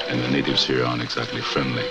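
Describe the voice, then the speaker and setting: A grave film character who warns strangers. His voice is extremely deep. Loud music fills the clip behind him. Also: flat delivery, fast. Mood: ominous.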